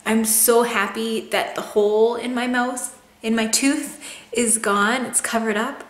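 A woman's voice: fairly high pitch, steady tone, measured pace, reverberant. A woman in her thirties chatting casually to camera in a room indoors. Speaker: vlogger.

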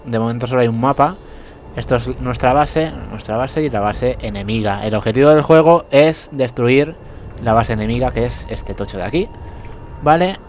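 A man's voice: medium pitch, moderate pace, a little mellow. A young man giving casual, self-mocking commentary over a video game he admits he plays badly. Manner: self-mocking, bursts into laughter and yelps. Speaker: gameplay commentator. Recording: game sounds and noise behind the voice.

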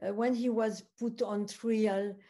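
A woman's voice: mid-range voice, little pitch movement, warm tone. A woman film producer with a French accent, speaking non-native English in a festival Q&A, hesitating often as she searches for words. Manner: halting, searching for English words, many uhs. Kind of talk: festival Q&A conversation.

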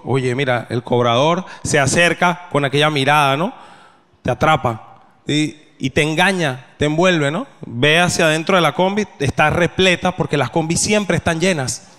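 A young adult man with a Venezuelan Spanish accent performing a stand-up comedy set, telling deadpan stories and acting out the voices of the people he meets. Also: fairly high pitch. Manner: deadpan storytelling, acts out quoted voices. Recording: long hall reverb.

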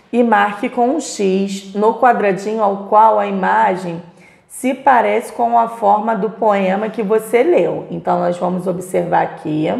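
In a recorded remote class, a primary school teacher with a Brazilian Portuguese accent patiently spells out syllables for young pupils. Her voice is medium-pitched, a little mellow, with vocal fry, and the room is echoey.

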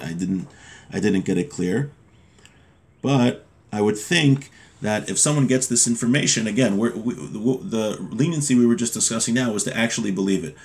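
A man in his thirties, his voice on the low side with a darkish tone, reads from a religious law text and explains it step by step. It is an informal lesson given in a small home room full of bookshelves.

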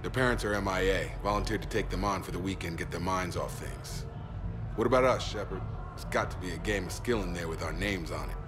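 An actor playing a confident, playfully competitive space soldier with a teasing manner in a video game. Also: male voice, deep voice, fairly quick, music in the background, natural voice. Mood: friendly. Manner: teasing trash talk.

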